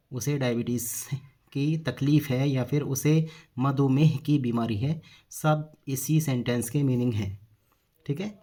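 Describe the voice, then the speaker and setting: Slow-speaking man teaching English. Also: mid-range voice, a little mellow. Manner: slow, repeats each example sentence twice. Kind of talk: spoken English lesson in Hindi.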